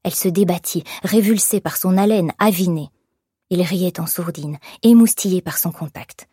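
A woman narrating a novel in an even, measured storytelling manner. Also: fairly low pitch, husky, no echo, clean studio sound.

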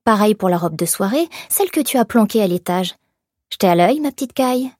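A woman voicing a gruff, leering man in his forties with a gravelly voice, mocking and coaxing in an audiobook. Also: medium pitch, expressive, brisk, a little mellow, dry recording, clean studio sound, close to an everyday voice.

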